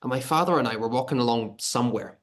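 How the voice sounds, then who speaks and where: A man hosting a casual interview over a video call, chatty and animated as he tells stories and asks questions. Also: mid-range voice. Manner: quick, chatty, animated storytelling. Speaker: podcast host.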